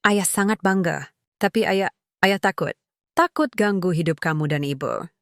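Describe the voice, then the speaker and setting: A woman voicing a humble, remorseful middle-aged father who speaks gently and earnestly in a storybook dialogue. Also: fairly low pitch, normal speed, dry recording, studio quality, natural voice.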